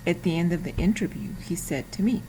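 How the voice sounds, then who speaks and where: A Mexican woman in her fifties, a student, carefully reads a prepared class presentation, deliberate and occasionally restarting. Her voice is low and warm, captured on a rough recording with a little hiss or hum.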